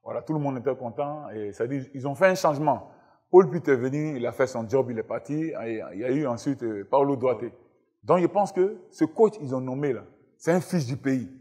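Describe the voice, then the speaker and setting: A man's voice: mid-range voice, expressive, a little fast, dark tone, husky. A man of thirty-five from Burkina Faso, a football player and talk show guest, speaking emphatically and repeating himself to make his point. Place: television studio with live audience.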